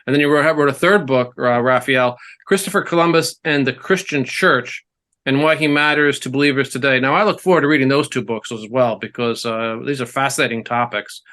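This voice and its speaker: A man's voice: mid-range voice, brisk, pushed and bright. A middle-aged man hosting an interview, talking conversationally with plenty of fillers. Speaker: interview host.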